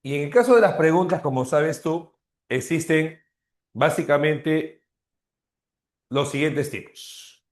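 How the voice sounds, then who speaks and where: A man teaches a grammar lesson at an unhurried, deliberate pace, repeating each term and tagging his points with quick checks. His voice sits at a middle pitch and carries the echo of a roomy space. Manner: explains slowly, repeats terms, frequent "¿no?". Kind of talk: online grammar class.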